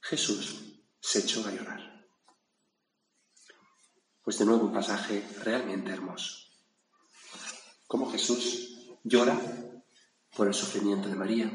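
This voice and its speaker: A man from gives a reflective gospel sermon. He talks conversationally and often checks in with his listeners. The sound is roomy, with a long hall reverb and faint background noise. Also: fairly low pitch. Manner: conversational, with asides asking "¿no?". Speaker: preacher.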